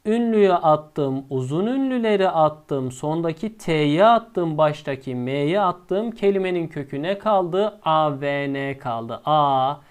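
A man teaching at a very unhurried pace, with a crisp, resonant voice. He walks through each step, poses a question and then answers it himself. He stretches the important words out slowly. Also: on the high side, expressive. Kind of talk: step-by-step lesson.

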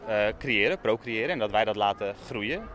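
A man's voice: on the low side, lively intonation, moderate pace, crowd noise. A young man doing a street interview outdoors with a handheld mic, asking probing, persistent questions. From Netherlands. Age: young adult. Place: busy town street outdoors. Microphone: handheld mic with fur windscreen. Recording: faint street noise.

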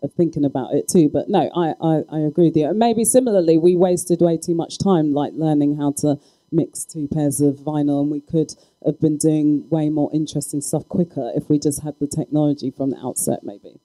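A woman's voice: deep voice, a little fast, dark tone, no echo, low-quality recording. A woman speaking as a DJ on a live panel discussion, chatty, often asking "you know what I mean", into a handheld mic. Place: stage at a live panel event.

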